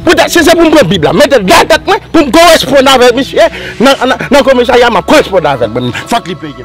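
Male actor for a boastful miracle-worker role, high and animated, insistent, soft music bed. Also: quick pace. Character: boastful man claiming to work miracles for pay. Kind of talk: amateur drama acting.

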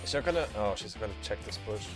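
A man streaming a game on a headset mic, reacting with excitable swearing and laughter. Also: on the low side, fast talker. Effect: livestream headset mic audio. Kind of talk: live gameplay commentary. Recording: streamed voice with game music behind. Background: game music.

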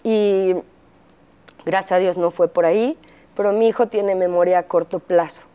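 A middle-aged woman with a Mexican accent telling her story as an interview guest, pausing often with fillers and acting out quotes. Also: lowish voice, steady tone, warm tone, clear, resonant tone. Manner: halting, frequent fillers, acts out quotes. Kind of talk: candid interview testimony.

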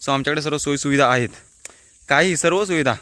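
A man's voice: fairly high pitch, fast, sharp tone, dry recording. A man from the Konkan region with a Konkani-inflected Marathi accent, chatting casually into a handheld phone as he vlogs outdoors and explains local words to viewers. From Konkan, India. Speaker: vlogger. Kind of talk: casual vlog, walking commentary. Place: outdoors on a hilltop by a water tank.

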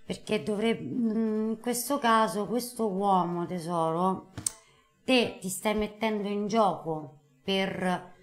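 A middle-aged woman with a medium-pitched voice hosts a live card reading in a studio. She speaks emphatically and affectionately to her callers, checking in often. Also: slow. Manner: affectionate, emphatic, repeats endearments and "eh?". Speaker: host, tarot card reader. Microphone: lapel mic.

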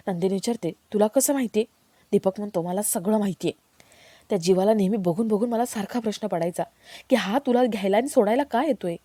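A woman narrates a television serial recap, reading each character's lines in her own even voice. Her tone is mellow and soft. The recording is close and dry. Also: medium pitch, dry recording.

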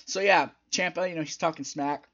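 Giving a casual wrestling review full of emphatic opinions, a young adult man speaks a little fast in a slightly high, bright voice, his tone conversational and his throat a bit strained. He uses a close desk microphone in a small room at home, and the audio sounds dull.

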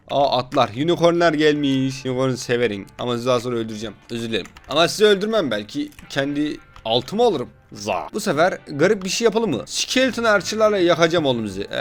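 A sleep-deprived man giving casual, playful gameplay commentary as a gaming YouTuber, joking with his viewers. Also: fairly high pitch.

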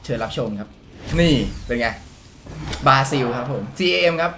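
A man doing excited gameplay commentary, yelping and shrieking at results and talking straight to his viewers. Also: medium pitch, moderate pace, background noise. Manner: addresses viewers directly. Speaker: mobile game YouTuber. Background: background music.

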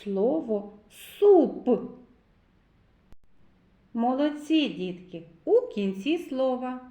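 High-voiced woman teacher, very slow, drawing out sounds for little kids, echoey room. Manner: slow, deliberate, drawn-out syllables; gentle encouraging teacher voice. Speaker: kindergarten teacher. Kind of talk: children's literacy lesson.

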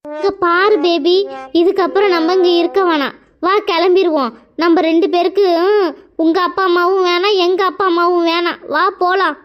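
A woman's voice: very high voice, fairly even intonation, normal speed, highs cut off. A woman voicing a tearful young husband in a cartoon, pleading and emotional. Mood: resolute. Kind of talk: cartoon voice acting.

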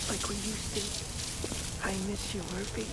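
A woman voicing a sick, lonely child in a video game, quietly hurt and hesitant, with a soft, breathy, often whispery voice. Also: mid-range voice, measured pace, lightly acted. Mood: lonely longing. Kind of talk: video game character acting. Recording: faint ambient noise behind the voice.

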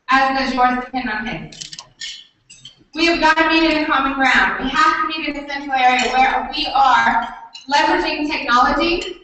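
A middle-aged woman giving a motivational keynote, animated, quizzing the audience and acting out voices in her stories. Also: high-pitched. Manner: animated, asks the audience questions, acts out quoted voices. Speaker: keynote speaker. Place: conference room. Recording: very echoey hall, voice from far off, faint noise.

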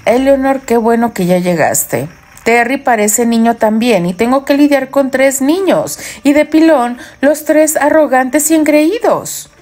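A woman's voice: high-pitched, lively intonation, a little slow, darkish tone, voice pushed up. A woman voicing a cheerful, affectionate young wife in an audiobook romance.

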